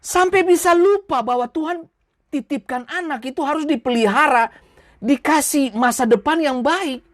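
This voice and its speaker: A woman's voice: sits high, normal speed, no echo, studio quality. A woman preacher, giving a sermon full of scolding rhetorical questions and small acted-out skits. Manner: acts out quoted voices in short skits.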